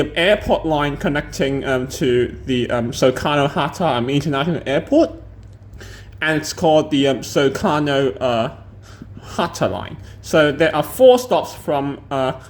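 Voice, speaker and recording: A man's voice: a little high, a bit bright. A man from Hong Kong narrating a travel vlog outdoors near a train station, hesitant, with many ums and uhs. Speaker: travel vlogger.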